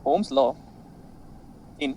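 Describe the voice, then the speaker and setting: A man teaching an online physics class, animated and boastful, quizzing his students constantly. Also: drawn-out words, a little hiss or hum, rough recording.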